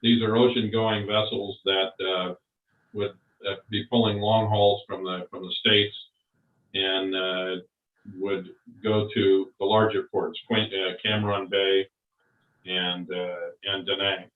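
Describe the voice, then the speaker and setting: An older man, a Vietnam veteran, is interviewed for an oral history. His voice is low and flat, and he speaks slowly and haltingly with many fillers. The recording sounds far off, roomy and phone-like.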